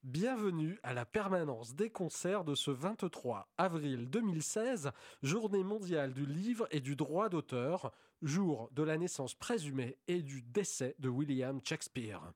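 A man's voice: fairly high pitch, lively intonation, a little slow, a little mellow, no echo, clean studio sound. A man hosting a scripted concert guide, reading announcements. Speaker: host.

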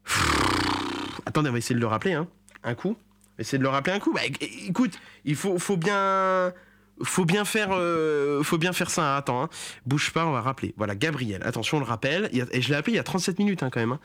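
Young guy on the radio, bit high voice, lots of euhs, jokey and fed up. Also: sing-song, quick pace, a bit bright, dry recording. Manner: rambling, many fillers, joking exasperation. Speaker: radio show host. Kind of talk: casual radio chronicle.

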